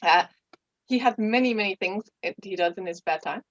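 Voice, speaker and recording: A woman's voice: mid-range voice, fairly quick, no echo. A woman in her thirties hosting a casual interview, friendly and giggly, with frequent fillers. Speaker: podcast host. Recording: dull, dry lo-fi audio.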